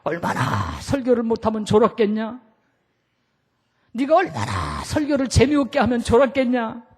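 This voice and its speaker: A man's voice: very high-pitched, huge pitch swings, normal speed, husky, exaggerated voice. A man voicing Jesus in a sermon joke, scolding a preacher bluntly.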